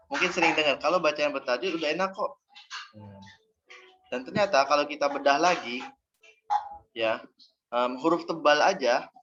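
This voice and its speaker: A man's voice: on the high side, fairly bright tone. A man teaching Quran recitation in an online class, patiently explaining and drilling syllables aloud. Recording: dull audio with faint noise.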